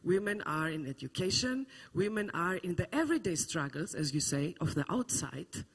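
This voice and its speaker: Husky guy moderating a panel, rambly and thoughtful. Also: sits high, sing-song, normal speed, fairly bright tone. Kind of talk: public panel discussion.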